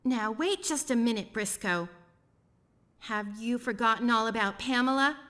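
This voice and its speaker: A woman's voice: fairly high pitch, normal speed, fairly bright tone, natural voice. A woman playing a flustered, timid young woman. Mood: scolding. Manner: hesitant, flustered, drops to whispers. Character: nervous young female camera operator, timid and flustered. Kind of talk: game voice acting.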